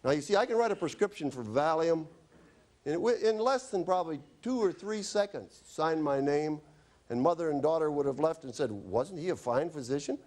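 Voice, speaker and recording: A man's voice: a little high, animated, normal speed, a little mellow. A man who is a doctor, telling chatty, wry anecdotes in a health lecture. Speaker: doctor giving a stop-smoking talk.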